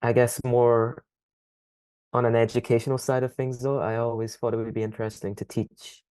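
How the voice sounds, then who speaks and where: A young man answering interview questions thoughtfully, pausing often with ums. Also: medium pitch, flat delivery, a little mellow, smooth, no room sound. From Scotland. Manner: thoughtful, hesitant, frequent ums. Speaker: podcast guest.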